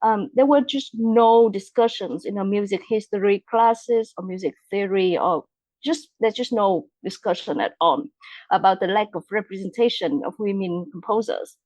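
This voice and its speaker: Woman composer, middle pitch, measured w/ lots of ums, dry close mic. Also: a little mellow, dry recording, low-quality recording. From Vietnam. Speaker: composer guest. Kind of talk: podcast roundtable discussion.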